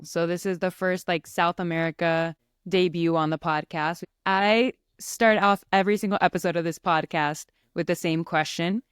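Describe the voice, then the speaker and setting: A young woman hosts a conversational podcast, her voice sitting on the lower side. She talks in a measured, reflective way as she introduces guests and asks questions. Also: fairly even intonation, smooth, no room sound, studio quality. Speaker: podcast host.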